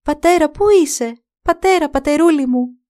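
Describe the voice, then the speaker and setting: A woman's voice: medium pitch, animated, warm tone, natural voice. A woman voicing a frightened young princess who calls out with a trembling, panicked voice. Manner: tremulous, calling out in panic. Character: high-pitched young princess, frightened girl.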